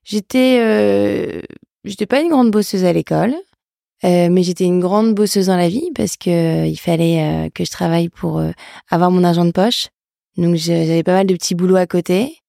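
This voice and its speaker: Gravelly-voiced businesswoman from northern France. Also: lowish voice, moderate pace, dry recording, studio quality. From Lille, northern France. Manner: relaxed, frequent hesitations. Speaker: entrepreneur guest. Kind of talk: interview conversation.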